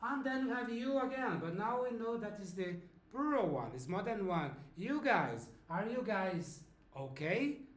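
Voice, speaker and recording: Slow, clear-spoken male language teacher. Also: high voice, expressive, reverberant. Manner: slow, clear teaching with frequent check-ins. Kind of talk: online language lesson.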